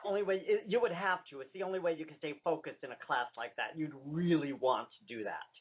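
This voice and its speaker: A man's voice: on the high side, fast, husky. A man hosting a radio interview over the phone, gushing, flamboyant and enthusiastic. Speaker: radio host and drag queen. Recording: tinny phone line.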